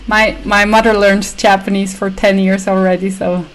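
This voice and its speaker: A woman's voice: mid-range voice, level tone, normal speed. A woman hosting a podcast roundtable, upbeat and encouraging as she introduces her guests. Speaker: podcast host. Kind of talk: hosting a casual video roundtable.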